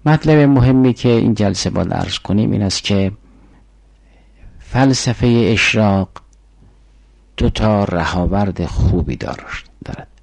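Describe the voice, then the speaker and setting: A man's voice: fairly low pitch, expressive, gravelly, pauses often, darkish tone, dry recording, poor audio. An older man giving a formal philosophy lecture, explaining arguments step by step and reciting Arabic syllogisms.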